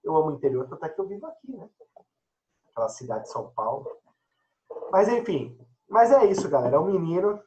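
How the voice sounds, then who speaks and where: A man's voice: on the high side, sing-song, quick pace, long pauses, dark tone, muffled recording, a little hiss or hum. A man teacher chatting casually and joking with his students during an online class.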